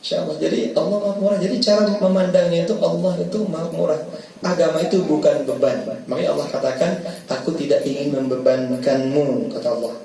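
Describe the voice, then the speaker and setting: A man delivers a relaxed, conversational sermon in a mosque. His voice is gravelly and mellow, and it echoes through a big hall. It is picked up by a mic some distance away. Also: on the high side, quick pace, a little hiss or hum. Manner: conversational, relaxed preaching with colloquial asides. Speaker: ustadz giving a Ramadan lecture. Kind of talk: casual sermon.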